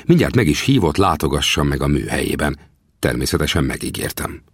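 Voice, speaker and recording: A man narrating an adventure novel in the first person, in steady storytelling. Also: creaky, breathy edge, dry recording, clean studio sound. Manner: steady storytelling, lively pitch. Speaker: audiobook narrator.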